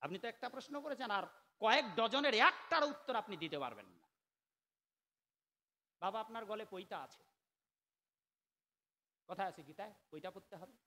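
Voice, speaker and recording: A high-pitched, sharp-toned man preaches a sermon. He scolds and argues, moving from quiet asides to sudden loud outbursts. His voice rings out with a long hall echo. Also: animated, normal speed, pauses often.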